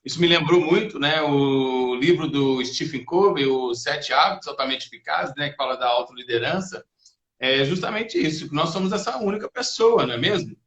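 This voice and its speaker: A man's voice: a little high, moderate pace, fairly bright tone, muffled recording. A man hosting an interview, reflecting on his guest's points and often tagging his sentences with a question for agreement. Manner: reflective, tags sentences with "né" and "não é mesmo". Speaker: interview host. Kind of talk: interview talk. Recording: roomy echo.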